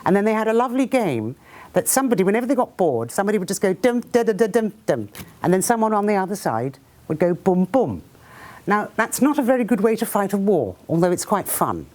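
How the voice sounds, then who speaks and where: A woman reads from her own book before a live audience, her pitch rising and falling in wide swings. She slips into voices and mimicked sounds as she goes, then talks freely with the room in a mid-height voice. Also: fast. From Britain. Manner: lively storyteller who acts out sounds and voices. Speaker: author. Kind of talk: reading aloud then talking to an audience.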